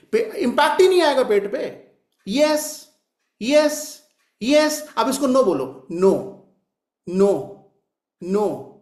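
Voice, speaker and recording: A man teaching a numerology class, repeating sounds aloud to demonstrate and answering his own questions. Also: very high-pitched. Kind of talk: classroom lecture. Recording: echoey room.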